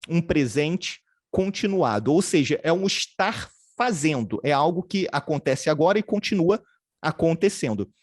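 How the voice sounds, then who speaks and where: A man's voice: a little high, lively intonation, moderate pace, no echo, studio quality. A man giving a remote training lecture on customer service. He explains step by step and often adds tag questions.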